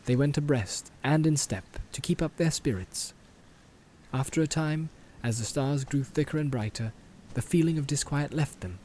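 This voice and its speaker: A man reading an audiobook aloud, in calm, even scripted narration. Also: mid-range voice, slight background noise.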